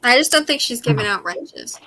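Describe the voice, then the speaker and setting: A woman's voice: a little high, animated, a little fast, bright, forceful tone, a little hiss or hum. A young woman hosting a casual livestream, enthusiastic and reading viewer comments aloud. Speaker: host.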